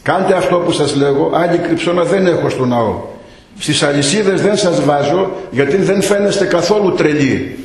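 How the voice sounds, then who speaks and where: A man voicing a calm, brave old abbot in a retold story. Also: a little high, very echoey, natural voice. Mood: earnest.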